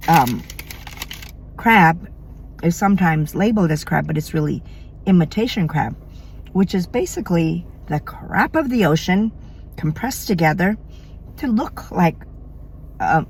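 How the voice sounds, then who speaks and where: Mukbang lady chatting slow, kinda low voice, eating at home at night. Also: a little hiss or hum. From Maine, USA. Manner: chatty, eats between sentences. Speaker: mukbang vlogger. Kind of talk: casual eating vlog chat.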